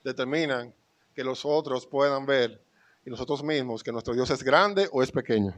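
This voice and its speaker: A man's voice: mid-range voice, moderate pace. A man with a Dominican Spanish accent preaching a sermon to his congregation, reading scripture aloud with rising emphasis. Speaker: pastor.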